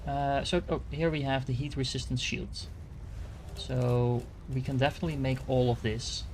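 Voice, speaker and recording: A Dutch man from the Netherlands chats casually about the game he's playing, thinking out loud with lots of fillers and restarts like a gaming streamer. His mid-range voice keeps a fairly even intonation at a normal speed, with slight background noise.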